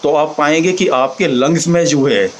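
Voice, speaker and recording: A man teaching slowly, pausing to demonstrate each sound aloud. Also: on the high side, a little hiss or hum, rough recording. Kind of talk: explanatory talk on chanting.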